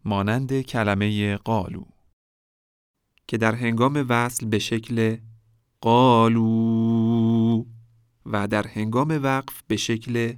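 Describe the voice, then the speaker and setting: Male lesson narrator, smooth and close, dead-dry sound, measured delivery that drags out example words. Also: lowish voice, fairly even intonation, dry recording. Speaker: Quran recitation teacher. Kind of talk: scripted instructional narration.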